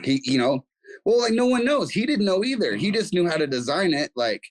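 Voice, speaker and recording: Man, podcast guest, casual storyteller, swears, acts out quotes, slightly high voice. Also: big pitch swings, fairly quick, poor audio. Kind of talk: casual chat.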